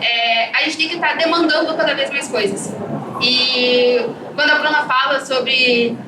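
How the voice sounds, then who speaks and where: A woman activist speaks in an urging, rallying way, her voice pitched high. She is heard from a distance in an echoey room. Room noise sits clearly behind her. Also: fairly even intonation, unhurried. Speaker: youth activist panelist. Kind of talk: talk to an audience. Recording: echoey room, far from mic, noisy.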